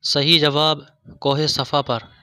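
A man reading religious quiz questions, pausing over each option before he gives the answer. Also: on the high side, flat delivery, sharp tone, clean tone, dry recording, clean studio sound. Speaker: quiz host. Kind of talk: scripted quiz narration.

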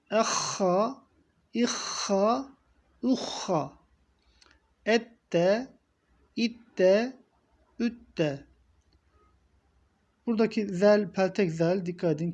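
A man teaching Quran reading in a step-by-step lesson, saying each syllable aloud and repeating it patiently, clearing his throat now and then. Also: sits high, darkish tone.

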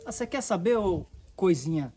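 A man's voice: high voice, animated, normal speed, warm tone, slightly rough. A man with a Brazilian accent playing a humble, patient man who lectures a rude girl in an amateur skit. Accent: Brazilian Portuguese. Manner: patient, moralizing. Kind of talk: amateur comedy skit acting.

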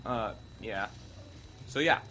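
A fairly low, slow-paced voice belongs to a young man with a Midwestern American accent hosting a let's play. Sick and coughing, he rambles through casual commentary with self-mocking asides, while loud game music creates background noise.

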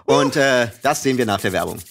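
A man in his thirties hosting a game show, calmly walking the players through stats and replays. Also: mid-range voice, brisk, vocal fry. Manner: relaxed, steering talk through replays and stats. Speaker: show host and game caster. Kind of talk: casual game show commentary. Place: studio with red curtain and couch.

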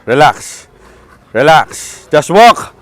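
A man with a Filipino accent, a dog trainer coaching an owner outdoors with calm, repeated short commands. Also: on the high side, takes it slowly.

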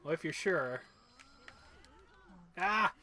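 Slow-talking young man joking over a game. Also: a little high, a bit bright. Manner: laid-back, joking banter while playing. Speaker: let's play co-host. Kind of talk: casual gameplay chat.

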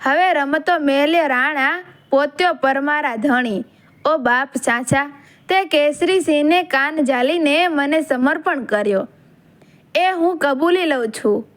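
A woman's voice: high voice, slow. A woman voicing a male bard poet who chants verses in a storybook folk tale. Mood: pleading. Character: bold male bard poet begging a gift.

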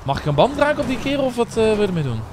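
A man's voice: very high-pitched, sing-song, racing, noisy background. A man, chatting casually with viewers and calling them guys and bro while playing a game. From Netherlands. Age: 20s. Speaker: streamer and server owner. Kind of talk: casual live-stream chat while playing.

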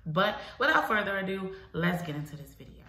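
A woman's voice: on the low side, animated, fairly quick, sharp tone, a little hiss or hum. A young woman with a stuffed-up, nasal voice from a head cold, chatting casually and emphatically to viewers as a hair vlogger. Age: young adult. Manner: informal, emphatic, addresses viewers directly. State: congested nose from a head cold. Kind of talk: casual chat to camera. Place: small home room, indoors. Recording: roomy, echoing indoor sound.

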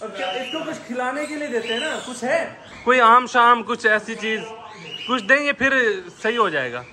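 A man chatting excitedly on his pet vlog, coaxing and doting on a new animal in a playful voice. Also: extremely high pitch, normal speed, crowd noise. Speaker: pet vlogger. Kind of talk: casual vlog chat.

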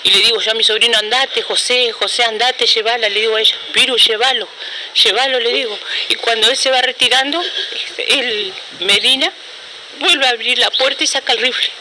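A woman's voice: on the high side, brisk. A middle-aged woman with an Argentine accent, the victim's aunt, telling what happened in an urgent, repetitive way with many restarts, interviewed outdoors. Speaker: victim's aunt giving testimony. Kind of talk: street interview. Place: outdoor courtyard by a building. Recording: noisy outdoor news footage.

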